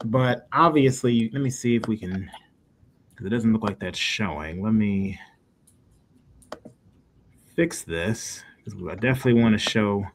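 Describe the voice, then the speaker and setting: He's a podcast host and interviewer running a casual livestream, talking informally with his guests. His voice is on the low side, his pace measured, and he leaves long pauses. Background noise is noticeable throughout.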